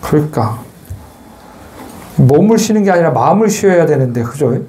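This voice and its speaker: A man's voice: a little high, expressive, normal speed. A man, a Buddhist monk, giving a Sunday dharma talk in a temple hall, chatty and teasing his listeners. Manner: chatty and joking, teases the listeners, shouts chants to demonstrate. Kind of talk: sermon.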